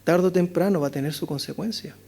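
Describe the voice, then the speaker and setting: High-voiced Chilean man preaching. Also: fast, creaky. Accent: Chilean Spanish. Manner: rhetorical questions, frequent "¿no es cierto?", swings between loud and hushed. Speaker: pastor. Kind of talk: expository sermon. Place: church chapel.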